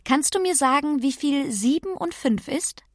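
A patient but strict schoolteacher, as a woman reader puts her on, speaking slowly and clearly. Her voice sits a little high. It is recorded close and dry. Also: animated, no room sound. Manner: slow, measured and instructive.

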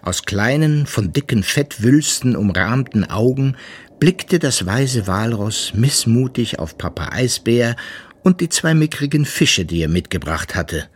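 A man narrating a children's story aloud in an expressive, unhurried way. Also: mid-range voice, husky.

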